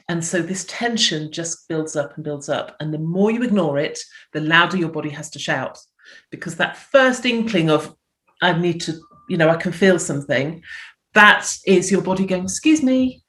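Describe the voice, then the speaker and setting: A woman's voice: fairly low pitch, moderate pace, fairly bright tone. Chatty middle-aged woman physiotherapist. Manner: chatty, explains with acted inner voices. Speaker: physiotherapist guest. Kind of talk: explaining health tips in an interview.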